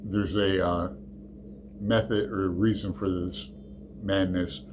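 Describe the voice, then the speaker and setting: Speaking slowly in a deep, level voice, a book channel host rambles through a tag with lots of hesitation and filler words. Background noise can be heard throughout this casual chat.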